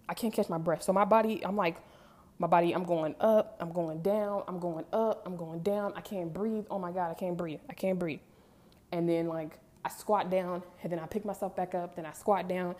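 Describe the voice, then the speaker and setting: Woman, 30s, lowish voice, casual storytime vlog, rambling, restarts sentences. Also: a little mellow. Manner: rambling, restarts often, sighs and laughs. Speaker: vlogger.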